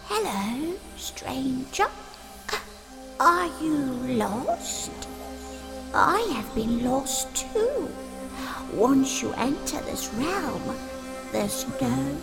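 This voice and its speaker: A woman voicing a lost ghost girl who speaks in a drawn-out, creepy sing-song. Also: high-pitched, huge pitch swings, creaky, music in the background, exaggerated voice, rough recording. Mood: eerie. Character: eerie lost ghost girl luring a stranger.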